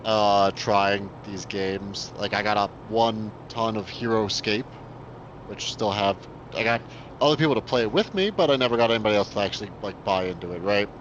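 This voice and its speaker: A man rambles casually through his stories, circling back and restarting as he goes, his voice a little low. The sound is dull and lo-fi, with faint noise underneath. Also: normal speed, a bit bright. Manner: rambling, many fillers and restarts. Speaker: co-host. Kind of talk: casual chat.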